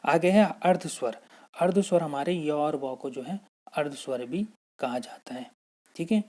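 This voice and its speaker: A male school teacher giving a step-by-step grammar lesson, asking questions and answering them himself, sounding out letters slowly and checking in with short tag questions. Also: a little high, darkish tone. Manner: explains step by step, asks and answers his own questions.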